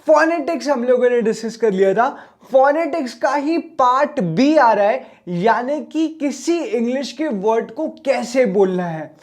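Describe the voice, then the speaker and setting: A man with a high voice teaches an online exam-prep lesson at an unhurried pace. He speaks in a friendly way, calling his viewers brothers and friends. He stretches out example words syllable by syllable. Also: lively intonation. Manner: drawls example words slowly to show syllables.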